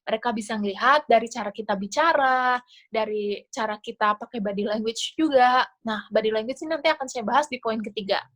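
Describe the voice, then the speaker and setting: A woman's voice: a little high, a little fast, a bit bright. A woman with an Indonesian accent gives casual, chatty advice to a class on a video call. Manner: casual, chatty explaining with fillers. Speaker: scholarship interview coach. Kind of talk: online class talk.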